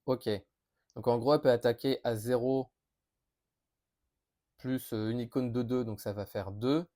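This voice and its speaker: A man talks through new game cards in a loose, chatty preview. He reads each card, stumbles, corrects himself and reacts as he works it out. His voice sits at a middling pitch, neither high nor low. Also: steady tone, measured pace, mellow. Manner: thinking aloud, reading cards with many fillers and restarts. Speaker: board game youtuber. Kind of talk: casual card preview commentary.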